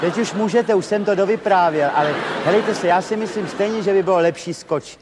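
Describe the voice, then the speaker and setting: A man's voice: sits high, a crowd in the background, natural voice. A man playing a chatty joke-telling compere. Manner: chatty, joking, fussy. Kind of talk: stage comedy sketch. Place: theatre stage before an audience. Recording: reverberant hall with faint noise.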